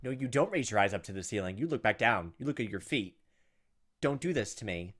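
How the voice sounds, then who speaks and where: Reading on-screen story text with flair, a man hosting a gaming video keeps breaking in with playful comments. His pitch is fairly low, yet his voice comes across a bit bright, animated and fairly quick.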